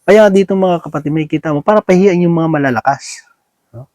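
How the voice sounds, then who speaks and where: Dry-sounding man preaching, chatty and high. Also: a little fast, a little mellow, dry recording. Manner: peppers speech with tag questions to the listeners; mixes English words into Filipino speech. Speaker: lay preacher. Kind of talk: conversational sermon.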